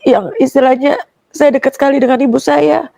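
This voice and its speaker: A woman's voice: high-pitched, steady tone, a little fast, vocal fry, mellow. A young woman giving an emotional personal testimony, telling her story with animation and acting out what other people said. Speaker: guest giving a conversion testimony.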